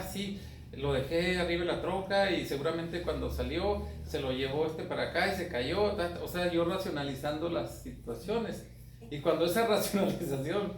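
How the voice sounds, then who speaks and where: Mexican guy swearing a lot while he talks, kinda high voice, sounds far from the mic in an echoey room. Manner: profane, colloquial, often asks "me entiendes". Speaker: speaker on grief. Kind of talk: casual talk. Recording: echoey room, distant mic, faint noise.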